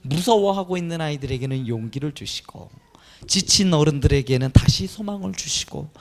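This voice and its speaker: A male pastor giving an Easter sermon speaks at a moderate pace in a high, raspy voice. He sounds lively and sincere, his pitch ranging widely and rising to forceful high points.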